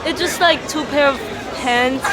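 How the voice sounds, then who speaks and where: Dreamy designer woman, bit high voice, crowd chatter around. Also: unhurried, music in the background, low-quality recording. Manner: dreamy, offhand. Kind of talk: street interview answers. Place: city street outdoors. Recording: crowd noise behind.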